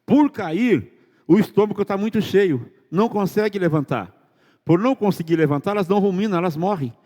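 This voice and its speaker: A man's voice: sits high, brisk, mellow. A male pastor preaching a sermon in a church, firing rhetorical questions at the congregation. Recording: church sermon with long hall reverb.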